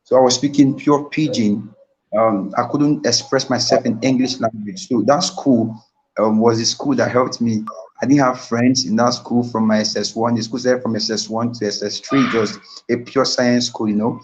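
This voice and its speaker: As an invited guest on a live stream, a young man with a Nigerian accent delivers a motivational talk, telling his story earnestly, repeating main points, and speaking directly to listeners. He has a medium-pitched voice with fairly even intonation and a moderate pace, over dull audio with a little hiss or hum.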